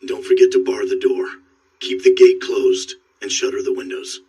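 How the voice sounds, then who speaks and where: A man voicing a grim, armored male monster hunter in an anime English dub, speaking in terse, flat, clipped replies. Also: very high-pitched, moderate pace, crowd noise, full character voice. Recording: distant voice under loud score.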